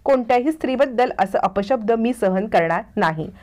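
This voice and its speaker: An angry young man from a family television drama, stern and scolding, his words sharp with rebuke, as a woman reads him out. The voice sits fairly high. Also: lively intonation, normal speed, close to an everyday voice.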